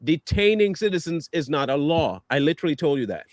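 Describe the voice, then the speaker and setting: A man co-hosting a livestream, talking in animated, mocking banter. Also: fairly high pitch, slight background noise. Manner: animated, mocking, quick to laugh. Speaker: livestream co-host.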